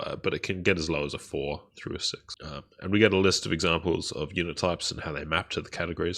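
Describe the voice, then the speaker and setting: A man hosting a solo podcast, sounding nasal from a cold, talking hesitantly with many pauses and fillers. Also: low voice, vocal fry, a bit bright. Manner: hesitant, many ums and uhs. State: nasal, blocked nose from a cold. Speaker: podcast host.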